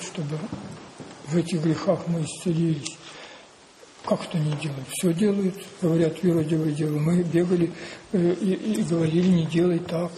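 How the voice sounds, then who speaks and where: A man preaching a sermon, deliberate and repetitive, posing rhetorical questions and answering them himself. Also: on the high side, warm tone, a little hiss or hum, poor audio.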